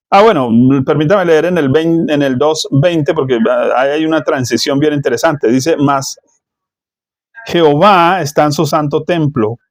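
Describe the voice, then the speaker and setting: A man's voice: a little high, dry recording, studio quality. A middle-aged man with a Colombian accent preaching a sermon in a conversational way, full of rhetorical questions. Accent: Colombian Spanish.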